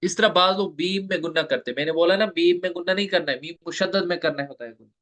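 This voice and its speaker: A man giving an online tajweed lesson, explaining step by step and slowly repeating the letter sounds for his students. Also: high-pitched, fairly bright tone. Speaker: Quran recitation teacher.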